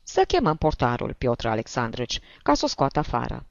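Woman playing a gruff, fed-up clerk, lively pitch, dull lo-fi sound. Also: no echo, exaggerated voice. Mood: worn out. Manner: curt, fed-up. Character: gruff, exhausted male bank clerk. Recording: dull lo-fi recording.

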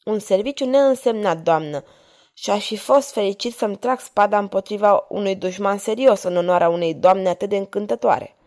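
A woman's voice: mid-range voice, close to an everyday voice. A woman voicing a bold young French knight. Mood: gallant. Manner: loud and bold.

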